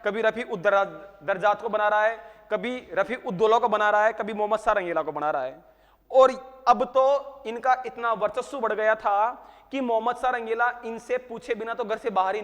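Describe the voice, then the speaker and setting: A man's voice: sits high, normal speed, a bit bright, big-room sound. A man teaching a history class, telling stories and acting out dialogue with humor. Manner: storytelling, acts out dialogue with humor. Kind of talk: casual classroom history lecture. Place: coaching classroom.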